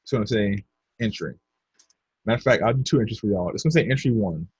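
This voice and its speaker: Guy running a trading lesson over screen share, kinda husky voice, dull dry mic sound, talks to himself while he marks up charts. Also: lowish voice, lively intonation, fast talker, no room sound. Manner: chatty, addresses viewers as "you guys", talks to himself while drawing. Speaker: trading instructor.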